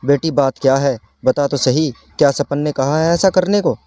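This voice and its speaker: A man's voice: fairly high pitch, moderate pace, mellow, dry recording, natural voice. A man voicing a worried mother who anxiously coaxes her daughter, in a storybook reading. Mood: anxious coaxing. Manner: anxious, coaxing.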